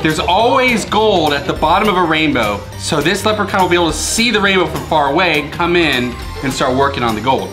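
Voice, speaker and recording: A man's voice: on the high side, expressive, fairly quick, hardly any pauses, over music. A man in his thirties casually and playfully explaining a craft as the father in a family vlog at home. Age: 30s. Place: home dining room.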